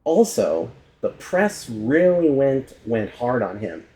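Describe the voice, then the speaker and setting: A man hosting and narrating a casual documentary about a musician, chatty and quick to correct himself aloud. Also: mid-range voice, sing-song, warm tone. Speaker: host.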